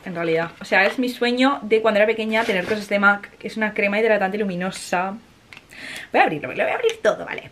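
A woman, chatting excitedly as she unboxes makeup. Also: mid-range voice, slight background noise. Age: 20s. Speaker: vlogger. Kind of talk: casual unboxing chat.

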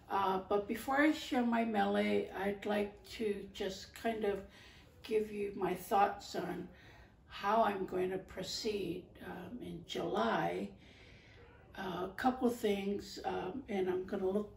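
A middle-aged woman from Hawaii talking casually to camera about her ukulele videos, pausing often with fillers. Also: medium pitch, vocal fry, slight background noise. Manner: halting, many fillers, gestures while talking. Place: living room, indoors. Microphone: far camera. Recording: echoey room from a distance.

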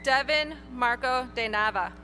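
A woman reading graduates' names one by one at an outdoor graduation ceremony, in a clear, measured announcing manner. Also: a little high, sharp tone, a little hiss or hum. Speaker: graduation name reader. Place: outdoor stadium ceremony over PA.

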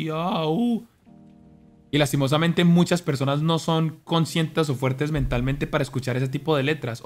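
A young man streaming, talking earnestly to his chat in an animated, preachy way. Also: a little high. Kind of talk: casual monologue to stream chat. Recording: faint music behind.

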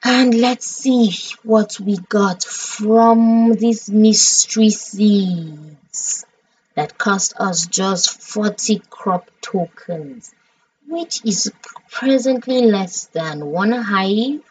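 A woman's voice: medium pitch, drawn-out words, a little mellow, dry recording, distant mic, low-quality recording. A Nigerian woman streaming a farming game, chatty and dramatic as she talks through each step.

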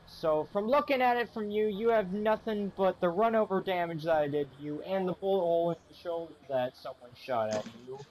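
A man's voice: high voice, brisk, hardly any pauses, darkish tone, a little hiss or hum. A man playing a police officer in game role-play, rambling and repeating phrases.

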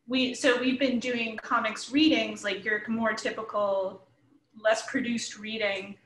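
Joining a casual panel discussion over video call from her living room, a woman in her thirties, an interviewed comics creator, speaks at a measured pace in a slightly high, fairly bright, steady voice. Her computer mic sits at a short distance, and the low-quality audio is echoey with a little hiss or hum.

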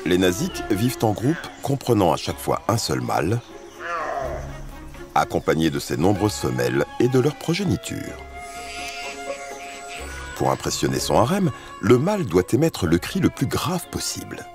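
Deep-voiced man narrating a nature documentary. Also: wildly swooping pitch, moderate pace, long pauses, over music.

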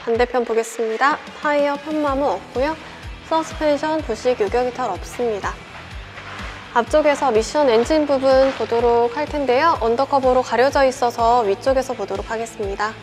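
A woman's voice: sits high, moderate pace. A young woman giving a methodical, polite scripted car walkaround as a sales presenter, over background music. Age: young adult. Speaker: used car dealership presenter. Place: large indoor car showroom, car interior and garage.

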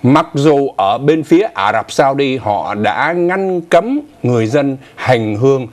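A man's voice: medium pitch, animated, a little slow. A man in his sixties co-hosting a morning news show from a TV studio on a lapel mic, explaining the news in a chatty way with asides. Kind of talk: casual morning news commentary.

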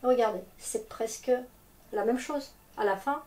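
A native Russian speaker who works as a Russian teacher leads a patient, step-by-step language lesson in French. Her voice is a little high with a darkish tone, and she speaks a little slowly and clearly.

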